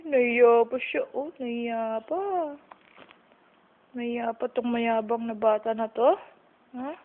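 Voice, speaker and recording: A woman's voice: a little high, fairly even intonation, slow pace, narrow, tinny audio. A woman filming her baby nephew in a casual home video, teasing and coaxing him playfully.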